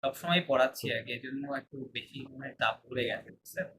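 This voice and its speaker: A man's voice: medium pitch, quick pace, sharp tone, a little hiss or hum. A man teaching French in an online class over a laptop, patiently explaining in Bengali with English mixed in. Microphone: laptop on video call.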